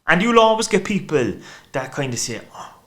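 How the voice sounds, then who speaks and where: A podcast guest from Ireland with a thick Cork accent chats casually and rambles at length. His voice is fairly high with big pitch swings at a normal speed, and he acts out the voices of people he quotes.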